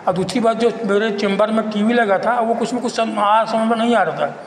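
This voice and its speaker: A man giving an informal, halting and repetitive spoken account as a local citizen. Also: high-pitched. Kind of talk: informal spoken monologue of complaint and appeal. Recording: echoey reverberant room with faint noise.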